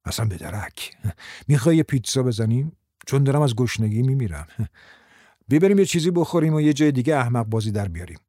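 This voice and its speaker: A man's voice: medium pitch, big pitch swings, warm tone, no room sound, studio quality. A man voicing a flustered, shy young woman in an audiobook, talking nervously and stumbling over her words. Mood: blurting.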